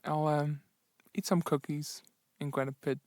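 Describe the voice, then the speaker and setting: A tired man keeping a casual, halting audio diary outdoors, sheltering under an umbrella in the rain. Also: fairly high pitch, little pitch movement, a little mellow. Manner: halting, rambling, reflective. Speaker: travel vlogger on a solo walking trip.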